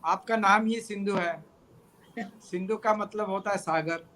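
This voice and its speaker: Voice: medium pitch, a little slow, a bit bright, a little hiss or hum, poor audio. An interviewer who asks long, polite questions and praises the guest.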